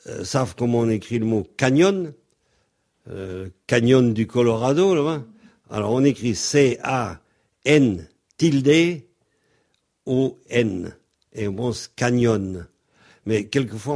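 Slow, hesitant man spelling out words. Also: mid-range voice, darkish tone. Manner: hesitant, many ums, spells words letter by letter. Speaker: Breton language teacher. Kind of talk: spelling and pronunciation explanation.

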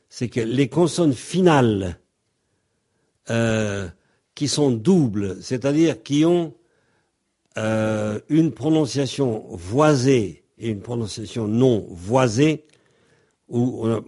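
A husky-voiced man speaks slowly and patiently, teaching on a radio series. He breaks off to sound out consonants one by one as he explains them. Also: mid-range voice, a little mellow. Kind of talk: radio language lesson.

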